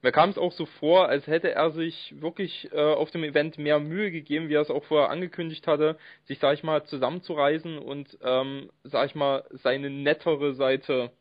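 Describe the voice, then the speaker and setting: A man hosting a casual podcast chat, speaking in a measured way and hedging with fillers. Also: on the high side, steady tone, dry recording. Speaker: podcast host. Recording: dry, dull lo-fi sound.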